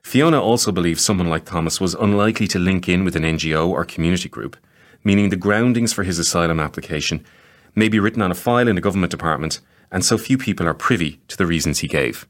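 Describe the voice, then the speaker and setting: A man giving measured, scripted narration as a documentary podcast reporter. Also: low-pitched.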